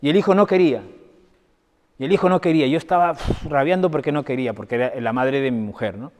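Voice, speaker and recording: A man's voice: medium pitch, fairly even intonation, fast, a little mellow. A man, a doctor, giving a conversational talk to an audience and telling anecdotes while checking that his listeners follow. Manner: conversational, anecdotal, often asks the audience for agreement. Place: parish hall. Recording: long reverb of a hall.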